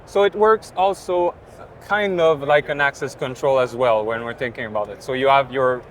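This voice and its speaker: A man co-presents as a casual interviewer at a busy indoor trade show booth, asking questions in an enthusiastic, agreeable way. His voice is medium-pitched at a normal speed. Constant trade show floor noise and exhibition hall ambience fill the background.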